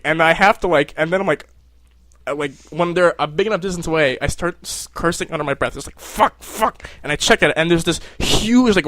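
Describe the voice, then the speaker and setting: A young man casually telling a personal anecdote in an animated, rambling, self-mocking way. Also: fairly high pitch, no room sound. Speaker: storyteller.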